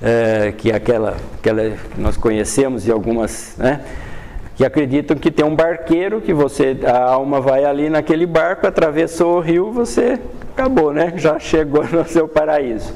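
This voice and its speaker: Older Brazilian man, study-group teacher, mellow tone, calm reading and explaining. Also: on the high side. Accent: Brazilian Portuguese. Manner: reads passages then explains them in a calm, unhurried way, with frequent "né". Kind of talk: reading aloud and explaining a spiritist book. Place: dim classroom with a projector screen.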